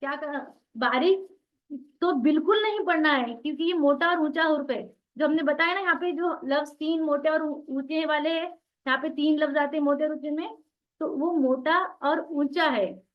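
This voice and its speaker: High-voiced woman teaching on a call. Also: moderate pace. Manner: explains patiently, repeats sounds many times for practice; asks the class questions then answers them. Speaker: Tajweed teacher. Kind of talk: online class instruction. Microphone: video call. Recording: dull lo-fi online class audio.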